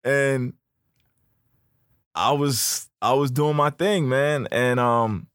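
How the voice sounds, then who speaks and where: A young man hosting a podcast, telling a story in a casual, slangy, animated way. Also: mid-range voice, drawn-out words, smooth, dry recording, clean studio sound. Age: young adult. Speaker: podcast host.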